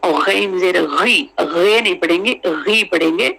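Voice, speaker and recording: A Quran recitation teacher giving a tajweed lesson, drilling syllables slowly and repeating each sound many times, with English teaching terms mixed in. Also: mid-range voice, gravelly, sharp tone, poor audio.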